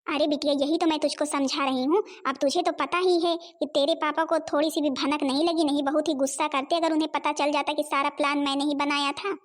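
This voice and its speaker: A woman's voice: high voice, fairly even intonation, a little fast, few pauses, lightly acted. A woman voicing a scheming middle-aged stepmother who lectures her daughter in a homemade cartoon. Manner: lecturing, conspiratorial.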